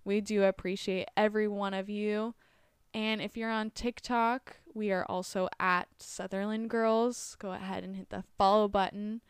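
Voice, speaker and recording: A woman's voice: mid-range voice, flat delivery, normal speed, clear, resonant tone, dry recording. Chatty woman podcast host, dry sound. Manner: friendly, chatty, many fillers. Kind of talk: casual podcast sign-off.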